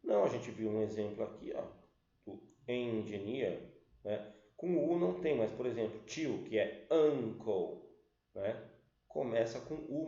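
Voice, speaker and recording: A male English teacher with a Brazilian Portuguese accent speaks slowly and patiently in a mellow voice. He explains each grammar point step by step and keeps checking in with the class. The recording sounds roomy and dull. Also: medium pitch.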